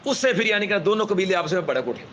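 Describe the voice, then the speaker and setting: A man giving a religious history lecture in with a tinge, speaking in a measured storytelling manner and often checking in with his listeners. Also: high voice, lively intonation, a bit bright, slight background noise, rough recording. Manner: measured, keeps adding a checking "alright?" tag; vivid storyteller, acts out quoted speech. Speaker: Islamic scholar lecturer.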